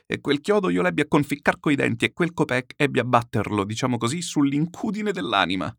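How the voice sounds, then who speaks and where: A man's voice: medium pitch, sing-song, brisk, vocal fry, a bit bright, no room sound, studio quality, voice pushed up. A man voicing a desperate, ruined middle-aged swindler who pleads and laments in a frantic, self-pitying way.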